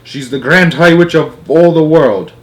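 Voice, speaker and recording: A man voicing a calm, matter-of-fact old grandmother with a sly streak, in a storybook. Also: a little high, unhurried, voice pushed up, lightly acted. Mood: mischievous.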